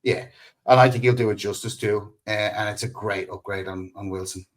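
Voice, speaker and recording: A man's voice: lowish voice, steady tone, a little fast. An Irish man co-hosting a fan podcast, chatting about football in an enthusiastic, jokey way. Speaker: podcast co-host. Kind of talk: casual football chat.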